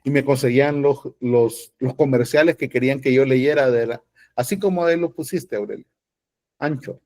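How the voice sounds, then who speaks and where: A man's voice: mid-range voice, moderate pace, darkish tone, dry recording, clean studio sound. A man with a Salvadoran accent teaching podcast acting in an online class, blunt and joking with emphatic advice. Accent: Salvadoran Spanish. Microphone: video call.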